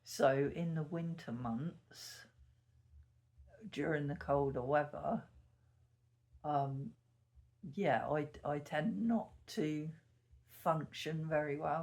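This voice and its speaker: This medium-pitched, slightly mellow voice belongs to a YouTuber talking casually to the camera at home in the early morning. Recorded on the camera mic while seated indoors, the talk wanders and self-corrects, with some sniffling.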